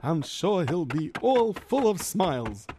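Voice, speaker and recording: A man's voice: on the high side, big pitch swings, slow pace, background noise, pitched above the performer's own voice. A man voicing a bumbling, fretful worker who speaks, lamenting and stammering. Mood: scheming. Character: bumbling hapless male worker, fretful and clumsy.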